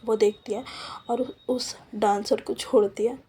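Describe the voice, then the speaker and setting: Woman storyteller, casual storytime narration, husky, a bit high. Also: steady tone, a little slow, warm tone. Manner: chatty, mixes in English asides.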